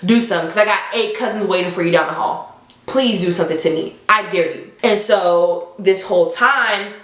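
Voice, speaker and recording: A young adult woman, a storytime vlogger, tells viewers a story in a casual, slangy, conversational way, dramatically re-enacting what people said. Her voice is medium-pitched and fairly bright, at a normal speed, and the room sounds echoey.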